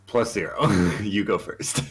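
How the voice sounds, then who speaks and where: A man's voice: lowish voice, slow, soft background music. A man playing a tabletop game over voice chat, playful with dramatic outbursts. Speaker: player. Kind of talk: casual gaming chat.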